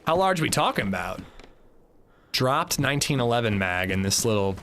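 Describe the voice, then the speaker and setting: A man's voice: medium pitch, sing-song, moderate pace, fairly bright tone, slight background noise. A male streamer chatting casually with his audience and friends, self-mocking and reading out chat messages. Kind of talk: casual gaming livestream chat.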